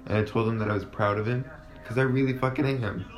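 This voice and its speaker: A man's voice: mid-range voice, fairly even intonation, fast talker. A young man rambling through stories with a laugh in a casual chat with a friend. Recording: echoey room.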